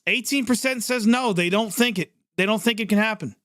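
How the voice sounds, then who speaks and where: A man hosting a live sports reaction stream, calling the plays as they happen in an excitable, chatty way and reacting quickly to each one. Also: high voice, no room sound, studio quality. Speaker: livestream sports reaction host. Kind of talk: live play-by-play reaction commentary.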